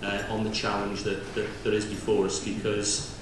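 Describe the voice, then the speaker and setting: A man's voice: lowish voice, monotone. Welsh-accented man speaking in a very echoey hall. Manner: hesitant, halting delivery with frequent pauses. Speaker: conference opening speaker, local government representative. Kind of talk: bilingual public speech, semi-improvised. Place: large indoor conference venue. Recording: distant, very echoey hall with clear noise.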